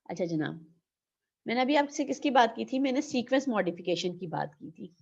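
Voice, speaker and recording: A woman's voice: on the high side, expressive, brisk, gravelly, darkish tone, lo-fi sound. Woman teacher quizzing her class. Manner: explaining with questions she answers herself. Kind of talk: online lecture.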